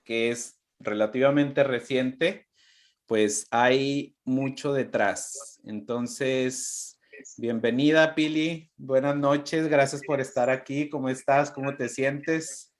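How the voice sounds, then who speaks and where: A man's voice: mid-range voice, fairly even intonation, slow. A man from Mexico hosting a live-streamed interview, greeting viewers and prompting his guest in a friendly way. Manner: friendly, warm welcomes, restarts often. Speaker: interview host.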